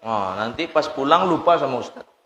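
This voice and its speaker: A man's voice: medium pitch, moderate pace. A man preaching a humorous sermon to a congregation, telling stories with mimicked voices and laughter. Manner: animated storytelling, mimics voices and chants, laughs often. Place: prayer hall with congregation. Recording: echoey hall, faint room noise.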